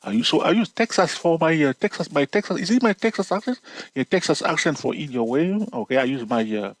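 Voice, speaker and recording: Here the same husky trading educator talks fairly quickly and expressively through a casual chart lesson on screen share, in a recording with no echo. Frequent "okay?" and "all right?" check-ins keep him talking straight to viewers, while sudden pitch rises punctuate his playful teasing.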